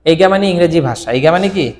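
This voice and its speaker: A man teaching vocabulary in a classroom-style drill, repeating each word slowly and quizzing his listeners. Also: fairly high pitch, expressive. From Bangladesh. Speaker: Japanese language teacher. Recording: long reverb, echoey room.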